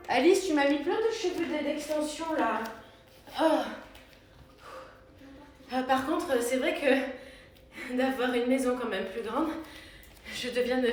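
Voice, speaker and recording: A woman coaching a live home workout, chatty and joking as she gives exercise cues between comments from viewers. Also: high voice. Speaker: fitness coach. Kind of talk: live workout coaching while reading chat. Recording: roomy room with music playing. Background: workout music.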